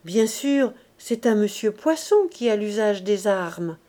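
A woman's voice: mid-range voice, animated, takes it slowly, warm tone. A woman doing a sly, amiable older lady. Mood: flattering. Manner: amiable, discreetly saucy. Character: flattering middle-aged woman, slyly suggestive.

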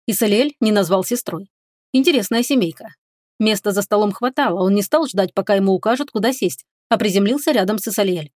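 Audiobook narrator: woman, even middle voice, dry studio read. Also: medium pitch, fairly quick, no echo. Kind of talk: scripted fantasy narration.

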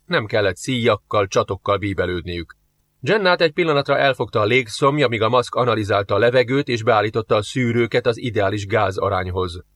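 A man narrates an audiobook in a steady, even reading voice. His pitch sits mid-range for a man, and the recording is close and dry, with no room sound at all. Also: no room sound. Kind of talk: scripted narration.

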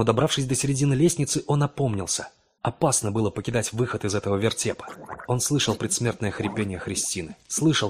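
Male narrator, husky timbre, measured dramatic horror reading. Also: mid-range voice. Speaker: audiobook narrator.

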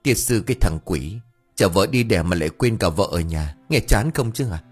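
A man's voice: low voice, animated, moderate pace, breathy edge, soft background music. A man voicing a blunt male village friend who teases and scolds. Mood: mocking. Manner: teasing, scolding.

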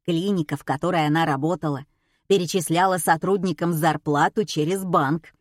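A woman narrates an audiobook in the first person with a wry, even delivery. Her voice sits on the low side, recorded dry and close. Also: moderate pace, no room sound.

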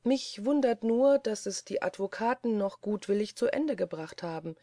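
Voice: medium pitch, expressive, moderate pace, warm tone, no echo, clean studio sound, pitched above the performer's own voice, close to an everyday voice. A reader voicing a troubled young woman in an audiobook, earnest and reproachful. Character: uneasy young woman, the doctor's sister. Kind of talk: audiobook character voice.

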